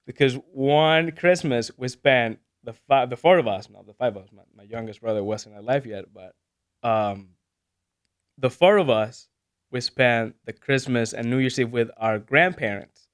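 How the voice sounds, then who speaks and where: Smooth-voiced young man, hesitant. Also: medium pitch, normal speed. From Venezuela. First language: Spanish. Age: 20s. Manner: hesitant, many fillers, laughs easily. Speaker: guest. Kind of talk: casual interview talk.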